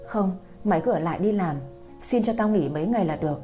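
Tearful, pleading young mother in a storybook audio, low mellow voice, read by a woman narrator. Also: fast, faint music behind, lightly acted. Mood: distraught. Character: young mother frantic over her missing son.

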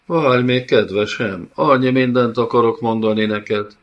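A man voicing an undead woman who taunts with an eerie, unhurried calm in an audiobook. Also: mid-range voice, pitched above the performer's own voice, close to an everyday voice. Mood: eerie, taunting. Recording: dull lo-fi audiobook recording.

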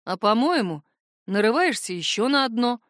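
A woman voicing a calm, level-headed young male cousin in an audiobook, speaking firmly and reasoning. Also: on the high side, moderate pace, no echo, clean studio sound. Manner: firm, reasoning. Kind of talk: audiobook narration.

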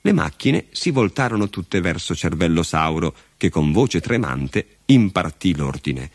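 A man narrating a children's story with an expressive, dramatic reading. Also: sits low, measured pace. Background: music.

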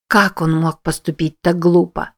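Woman reading an audiobook, lowish voice, calm and serious, first person. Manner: measured, somber reading. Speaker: audiobook narrator. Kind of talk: scripted first-person narration.

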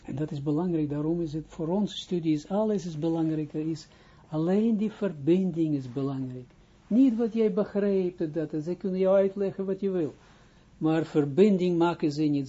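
In a dull, lo-fi recording, a rabbi teaches an informal lesson, his husky voice deep-toned and very mellow yet slightly higher than the typical man's. Halting as he talks, he starts phrases over and keeps stopping to make sure his listeners are following.

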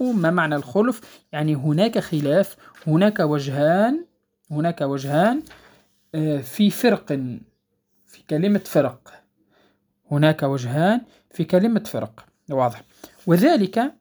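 A woman teaching the rules of Quran recitation. She explains patiently, repeats key points, checks that students follow, and recites verses slowly and melodically. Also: low-pitched, darkish tone, husky. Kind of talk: tajweed lesson explaining rules.

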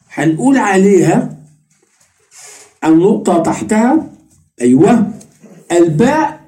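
A man's voice: sits high, dark tone. A man with an Egyptian Arabic accent giving a religious study lesson, asking questions and answering them himself, repeating each point. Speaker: religious teacher.

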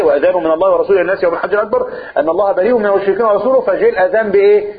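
A man with an Egyptian accent teaching a religious lesson, quizzing listeners with quick rhetorical questions and reciting scripture slowly. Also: sits high. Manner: switches between colloquial talk and slow recitation. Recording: tinny phone-like audio.

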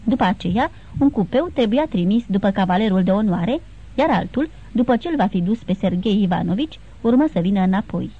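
Give me a woman reading a novel aloud, steady and literary, with a tinny sound. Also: mid-range voice. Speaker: audiobook narrator. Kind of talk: scripted narration.

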